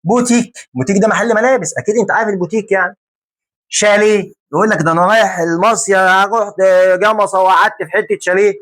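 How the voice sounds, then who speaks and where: A man with an Egyptian Arabic accent teaching a French lesson in a lively, joking way, repeating words slowly to drill them. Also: sits high.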